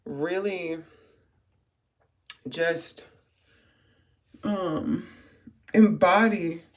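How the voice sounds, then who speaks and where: A spiritual life coach in their thirties rambles through a casual morning vlog. The voice is groggy and gravelly, with a rough fry from a short night's sleep. The talk is reflective and full of fillers and restarts. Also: medium pitch, a little mellow.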